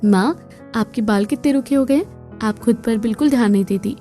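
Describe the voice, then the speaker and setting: A woman voicing a sweet, humble young maid girl in a cartoon, gentle and cheerful. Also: a little high, normal speed, faint music behind, lightly acted. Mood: affectionate.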